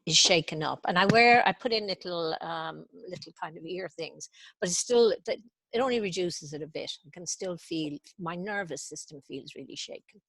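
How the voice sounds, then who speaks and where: An Irish woman with a husky, fairly low voice speaks at a moderate pace as a guest practitioner in a tapping session. The conversation is casual; she hesitates and searches for words but grows animated describing overwhelm. There's no room sound.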